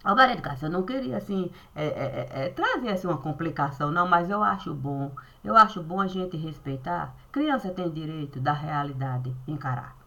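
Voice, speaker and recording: A woman voicing a calm, patient male God who speaks softly and hesitantly, gently firm. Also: low voice, fairly quick, gravelly, few pauses, exaggerated voice. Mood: gentle.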